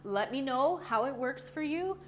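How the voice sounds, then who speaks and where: A woman leading a yoga class with short, calm cues in a gentle, encouraging, informal way. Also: high voice, moderate pace. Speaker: yoga instructor. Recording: clearly noisy ambient background.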